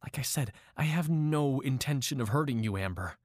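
A man's voice: medium pitch, expressive, normal speed, dry recording, clean studio sound, close to an everyday voice. A man playing a volatile, desperate captor. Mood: pleading, tense. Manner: pleading then screaming in rage. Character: desperate man holding a woman captive, volatile. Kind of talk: audio drama acting.

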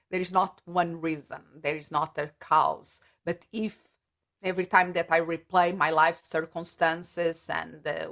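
A middle-aged woman with a Portuguese accent, a native Portuguese speaker, speaking as an interview guest in a thoughtful, measured way as she searches for words. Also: sits low, a bit bright, muffled recording. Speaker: guest, coach. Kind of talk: casual interview.

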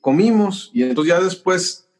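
A middle-aged man with a Mexican accent speaks in a casual interview, a pastor telling his story at length. He acts out each exchange as he goes, and his voice sits a little high for a man. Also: measured pace. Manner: animated, acts out conversations while telling a story. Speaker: pastor and musician.

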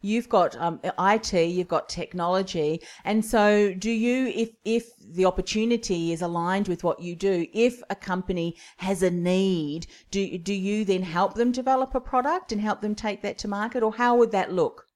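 A woman's voice: mid-range voice, normal speed, hardly any pauses, darkish tone. Encouraging woman hosting an interview. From Australia. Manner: encouraging, long flowing questions. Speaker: podcast host.

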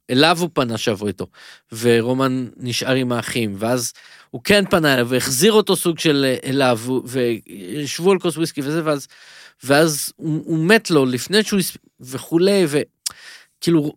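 Animated rambling man in dry studio. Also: mid-range voice, dry recording. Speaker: podcast co-host. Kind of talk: casual TV-recap podcast chat.

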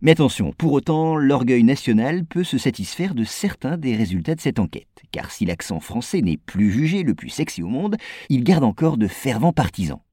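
A man from France presenting a scripted news item in a clear, explanatory way, addressing his viewers directly. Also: mid-range voice, very animated, normal speed, warm tone, no echo, studio quality.

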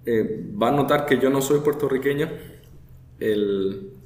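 A Chilean brewmaster in his thirties, speaking with a Chilean Spanish accent, is a guest in a relaxed conversational interview, hesitating and repeating words often. His medium-pitched voice is darkish and a little slow, and the sound is roomy.

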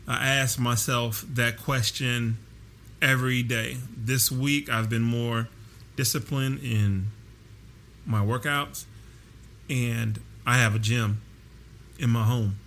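A man's voice: medium pitch, takes it slowly, a bit bright. A man hosting a casual solo podcast, talking directly to listeners in a conversational way. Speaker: podcast host and personal trainer. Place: at home with air conditioning running. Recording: constant air conditioner hiss. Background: hissing air conditioner noise.

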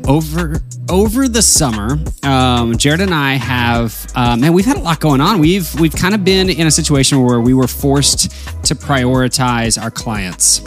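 A man hosting a casual podcast in a folksy way, often pausing to think aloud as he talks to listeners. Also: medium pitch, animated, soft background music. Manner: folksy, addresses listeners as y'all. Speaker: podcast host; wedding and portrait photographer.

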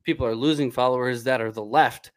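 A man's voice: mid-range voice, steady tone, fast talker. A man co-hosting a casual political chat, earnest, repeating himself and asking rhetorical questions. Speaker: podcast co-host.

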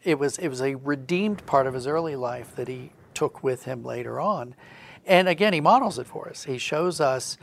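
A man with a mid-range voice and some vocal fry talks at a normal speed as a guest in a conversational interview. He is an audio drama writer, and his explanations come across as earnest and reflective.

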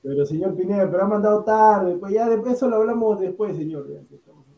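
A man's voice: high voice, quick pace, far from the mic. A man hosting a casual football podcast over a video call, playfully cutting in to keep order and calling people "señor". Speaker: podcast host moderating the debate. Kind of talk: casual football debate chat. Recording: echoey room, dull lo-fi sound.

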